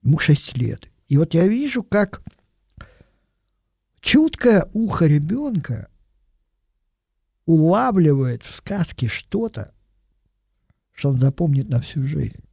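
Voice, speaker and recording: A man's voice: fairly high pitch, very animated, takes it slowly, gravelly, pauses often, dark tone, breathy edge, no room sound, clean studio sound. An older man giving a thoughtful, digressive sermon and dwelling on single words. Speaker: preacher. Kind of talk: reflective sermon.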